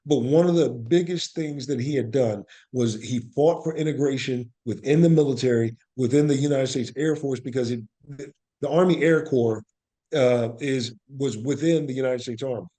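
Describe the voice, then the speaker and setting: The actor and playwright's voice is warm and medium-pitched, moving at a moderate pace. Answering as an interview guest, he speaks reflectively and conversationally, explaining earnestly and repeating things for emphasis.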